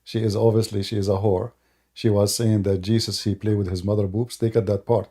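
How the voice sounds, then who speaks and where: On a live call-in stream, a man with a lowish, dark voice speaks a little fast in a level tone. The chat is casual, and he's emphatic, using non-native grammar and laughing while ridiculing opponents.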